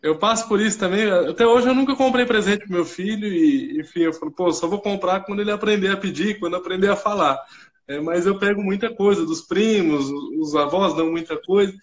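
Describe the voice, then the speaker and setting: High-voiced man hosting a live chat. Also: brisk. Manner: relaxed, agreeable, shares short personal anecdotes. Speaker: host. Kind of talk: casual live-stream conversation.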